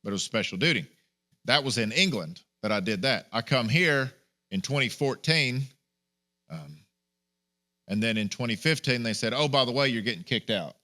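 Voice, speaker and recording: A man's voice: medium pitch, animated, normal speed, bright, forceful tone. A man in his thirties preaching, telling a personal story in a conversational way and acting out the people he quotes. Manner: conversational, acts out quoted dialogue.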